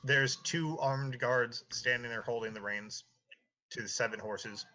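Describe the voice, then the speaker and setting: A man's voice: mid-range voice, fairly even intonation, pushed and bright. A man narrating a tabletop role-playing game as dungeon master, loose and full of fillers. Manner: loose, filler-heavy narration with quick character voices.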